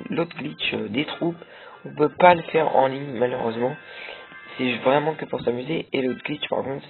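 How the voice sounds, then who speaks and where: A man's voice: medium pitch, gravelly. Young man rambling over tinny game audio. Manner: rambling, many fillers and restarts. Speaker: gameplay video creator. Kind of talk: casual gameplay commentary. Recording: tinny lo-fi capture with loud game music. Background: game music.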